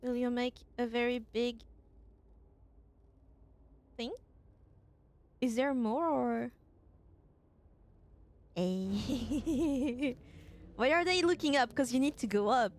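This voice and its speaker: High-voiced woman musing over a game. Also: slow pace, long pauses. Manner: musing aloud with many questions. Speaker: streamer. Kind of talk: casual gameplay commentary.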